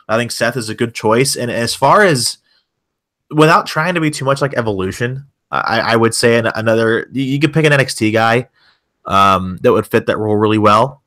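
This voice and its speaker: A man co-hosting a laid-back podcast, steering the conversation from one item to the next. His voice is bright and forceful, and his asides are dry and sarcastic. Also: fairly low pitch, a little fast. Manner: wry, news-segment leading, with sarcastic asides. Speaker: co-host. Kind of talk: casual podcast chat.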